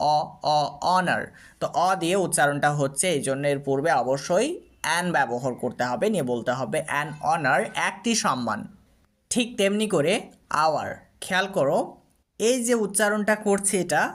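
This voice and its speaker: A man's voice: fairly high pitch, a bit bright. A man with a Bengali accent teaching English grammar, patiently repeating and drilling example words for his students. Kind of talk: explaining lesson to students.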